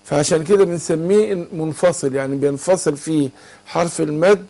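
High-voiced Egyptian man teaching recitation. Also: a little fast, creaky, mellow. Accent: Egyptian Arabic. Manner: patient, asks students to fill in words. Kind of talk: call-in tajweed lesson.

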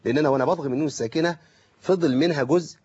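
Fast-talking Egyptian man teaching recitation. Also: on the high side, darkish tone, husky, lo-fi sound. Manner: explains with rhetorical questions and slow drawn-out demonstrations. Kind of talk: call-in tajweed lesson.

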